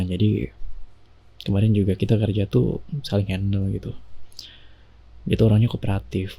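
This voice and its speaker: A man in whispered role-play as an affectionate husband, talking softly and teasingly to his sleepy wife on a binaural mic. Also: fairly low pitch, gravelly, dull audio. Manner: soft, intimate, teasing. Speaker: ASMR performer.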